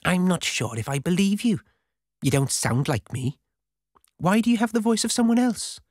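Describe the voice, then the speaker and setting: A narrator voicing a young woman, a curious orphan rock star, in a skeptical, questioning way with lively intonation. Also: medium pitch, a little slow, no echo, studio quality, pitched above the performer's own voice.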